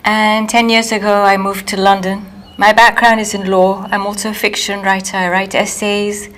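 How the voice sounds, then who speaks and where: A woman from Kenya, an author and editor speaking in a measured, careful way during a recorded interview with retakes. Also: mid-range voice, little pitch movement, fairly bright tone, a little hiss or hum. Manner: measured, careful, restarts lines.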